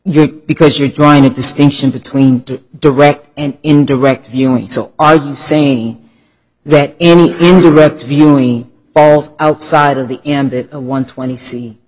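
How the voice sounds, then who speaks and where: A man's voice: medium pitch, fairly even intonation, a little slow, darkish tone, low-quality recording. A male appellate judge carefully asking counsel to clarify his argument. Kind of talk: questioning counsel at oral argument. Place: courtroom.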